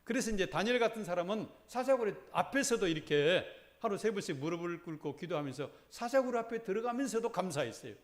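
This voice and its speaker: A man's voice: sits high, expressive, fast talker, hardly any pauses. A man preaching a sermon as pastor, speaking in a conversational way with many fillers and leading the congregation in reading and prayer.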